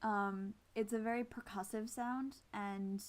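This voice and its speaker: A woman flute player with missing teeth gives an informal tutorial with demonstrations, casual and self-deprecating, hesitating as she explains. Her medium-pitched voice stays fairly even at a measured pace. There's a little hiss or hum in the recording.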